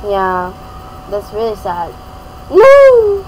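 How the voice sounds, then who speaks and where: Giggly high-voiced young woman. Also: animated, slow pace, a bit bright, slight background noise, low-quality recording. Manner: giggly and playful, often laughing. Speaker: gaming channel host. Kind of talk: casual gameplay commentary.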